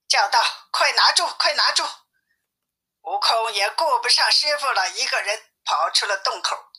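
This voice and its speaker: A woman narrating a simplified classic tale for an audiobook, reading clearly and expressively. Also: medium pitch, bright, forceful tone, rough recording. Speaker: storyteller.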